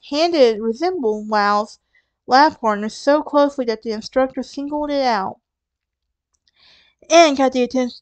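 A woman's voice: fairly high pitch, clear, resonant tone, no echo. A woman with a Southern US accent, narrating a true crime podcast in a conversational way, with wry asides and restarts. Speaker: podcast host.

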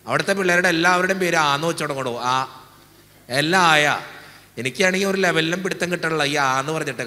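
A Keralan priest preaches a casual, teasing sermon in a church, leading his congregation in call-and-response. His voice is slightly high with a sharp tone, and the hall is echoey.

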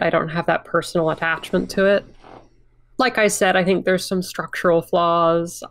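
Low, gravelly woman giving blunt takes. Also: no room sound, studio quality. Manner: measured verdicts, blunt teasing. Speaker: podcast co-host. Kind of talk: casual album review chat.

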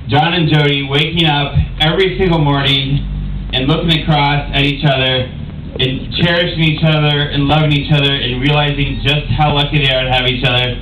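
A man's voice: mid-range voice, a bit bright, muffled recording. A young man telling a joking story as a wedding toast, speaking into a handheld mic through speakers in a large party tent. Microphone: handheld mic through speakers, far camera. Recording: echoey, distant, noisy camcorder audio.

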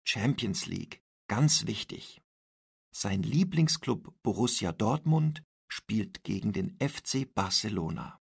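A man reads a short story aloud slowly and deliberately for language learners. His voice is gravelly and somewhat husky, with a lively, varied pitch. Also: no echo, studio quality. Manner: clear, deliberate reading. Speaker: reader. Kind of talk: slow storybook narration for learners.

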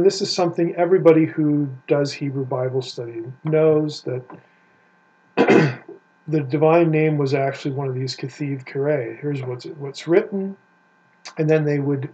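A man's voice: medium pitch, warm tone, breathy edge. Man explaining step by step, lo-fi. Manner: methodical, explanatory, points at the screen. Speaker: Bible scholar teaching Hebrew. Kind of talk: screen-share lecture. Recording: dull lo-fi sound with faint hum.

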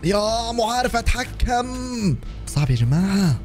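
A man giving excited commentary on his gameplay, laughing and yelling at the game as he plays. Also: sits high, moderate pace, music in the background. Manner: animated, laughing, shouting at the game. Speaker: gaming YouTuber.

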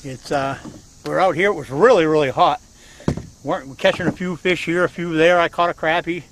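A man's voice: fairly high pitch, normal speed, a bit bright, slight background noise, low-quality recording. Folksy older man on a lake. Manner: folksy, chatty, teasing. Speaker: fishing show host. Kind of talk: casual outdoor show commentary. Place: on a boat on a lake outdoors.

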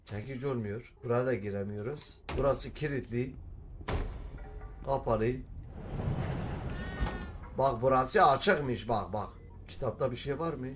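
Kendi kendine konuşan oyuncu adam. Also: male voice, medium pitch, unhurried, pauses often, over music. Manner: talks to himself while solving puzzles, bursts into shouting. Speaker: gamer. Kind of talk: let's play commentary.

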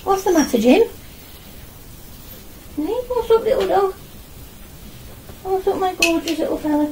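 An artist and vlogger in middle age chats casually to herself and the camera while painting in a small room at home, indoors. Her voice is very high-pitched and unhurried, and background noise is present.

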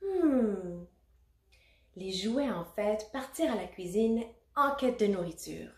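A woman reading a children's picture book aloud, expressive and adding little asides for children. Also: mid-range voice, normal speed. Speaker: storybook reader. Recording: roomy echo.

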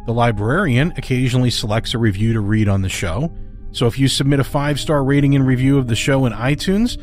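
A podcast host with a mid-range male voice reads a scripted introduction.

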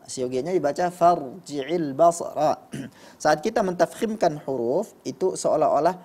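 Male judge, calm instructive critique, demonstrates pronunciation. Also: a little high, moderate pace, breathy edge. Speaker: Quran recitation judge. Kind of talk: spoken critique of recitations.

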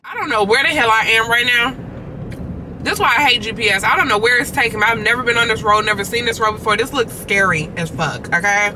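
A woman's voice: on the high side, fast, background noise. Chatty woman vlogging from her car. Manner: chatty, talks to viewers as "y'all". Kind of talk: casual vlog chat.

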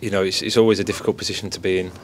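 A man's voice: low-pitched, level tone, rapid-fire, fairly bright tone, a little hiss or hum. A young man in his twenties, a goalkeeper, giving a modest post-match interview into a cluster of handheld mics in an indoor press area. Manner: modest, repeats stock phrases. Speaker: football goalkeeper. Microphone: several handheld mics and phones held close.

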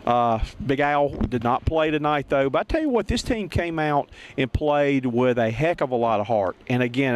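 A middle-aged male sports broadcaster giving emphatic, folksy post-game analysis into a handheld mic in an empty arena. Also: on the high side. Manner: emphatic, folksy, repeats words when stressing a point. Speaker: sports broadcaster called [name]. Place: empty indoor basketball arena.

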